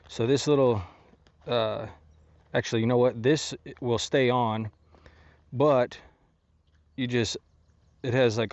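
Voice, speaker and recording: A relaxed man chatting to his camera outdoors at a lakeside campsite, meandering through his thoughts with plenty of ums and restarts. His voice sits in a middling register, and the outdoor camera audio sounds a little dull. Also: medium pitch, gravelly, no echo. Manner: relaxed, rambling, many fillers and restarts. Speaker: outdoor vlogger. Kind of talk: casual camping vlog narration.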